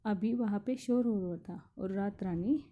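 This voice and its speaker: A woman's voice: mid-range voice, unhurried, warm tone, a little hiss or hum. A woman school teacher explaining a Hindi play to her class, reading lines aloud and then retelling them in plain words.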